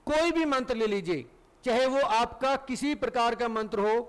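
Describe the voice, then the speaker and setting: A man's voice: very high-pitched, moderate pace, clear, resonant tone. A middle-aged male Hindi teacher giving a classroom lecture, asking the class questions and answering them himself, and stretching vowels to demonstrate.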